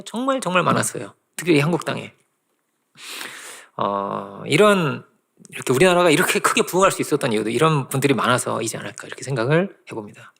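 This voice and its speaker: A man preaching a sermon as a pastor in a church, telling stories in a lively way and acting out quotes, with laughs in between. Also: fairly high pitch, gravelly. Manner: animated storytelling with laughs and acted-out quotes. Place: church sanctuary.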